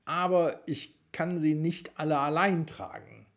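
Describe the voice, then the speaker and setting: A man's voice: on the high side, lively intonation, a little slow, creaky, pitched above the performer's own voice. A man voicing a small, friendly talking squirrel in a bedtime story, with a raised, eager voice. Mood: worried.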